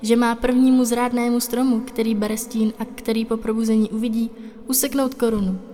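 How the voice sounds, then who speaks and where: Woman doing a cursed fairy-tale maiden, high voice, wailing and sad, lots of echo. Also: flat delivery, warm tone, natural voice. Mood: lamenting. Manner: mournful, lamenting. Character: beautiful cursed young maiden, lamenting. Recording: long hall reverb.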